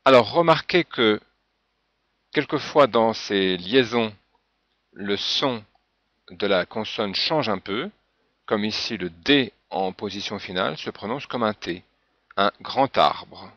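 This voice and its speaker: A man's voice: fairly low pitch, animated, takes it slowly, no echo. A man teaching a French pronunciation lesson, patiently spelling out example words one by one. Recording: dull, dry lo-fi recording.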